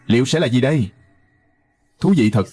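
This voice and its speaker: A man narrating and voicing a detective's inner thoughts in a dubbed drama recap, measured and wry. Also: mid-range voice, expressive, darkish tone, husky, faint music behind.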